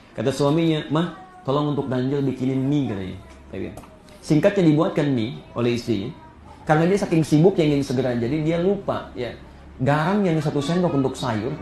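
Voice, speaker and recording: Indonesian male preacher, echoey hall. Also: a little high. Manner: animated storytelling with rising emphatic peaks; quotes Arabic verses slowly. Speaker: Islamic preacher. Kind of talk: sermon.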